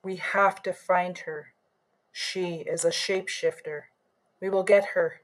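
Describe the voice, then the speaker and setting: A woman voicing a huge, menacing giant hunting its prey, speaking low and slow. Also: fairly even intonation, poor audio.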